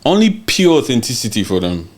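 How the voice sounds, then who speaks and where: A man from Congo hosting a heated political talk show. His pitch swings widely as he jumps between fierce outbursts and lower asides. He is forceful and insistent, and he keeps checking that his audience is following him. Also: big pitch swings, fairly quick. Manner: fiery, emphatic, swears and repeats "you understand?". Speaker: podcast host.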